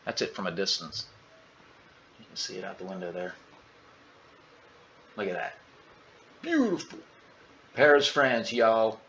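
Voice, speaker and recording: A man's voice: on the low side, expressive, moderate pace, pauses often, pushed and bright, a little hiss or hum. A man, casually joking and exclaiming through flight simulator commentary. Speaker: gaming channel host. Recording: dull lo-fi audio, faint ambience.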